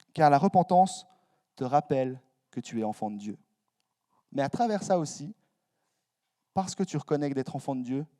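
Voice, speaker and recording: A man's voice: a little high, mellow. A young man preaching a sermon in a church hall, casual and self-mocking, with slangy asides. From Switzerland.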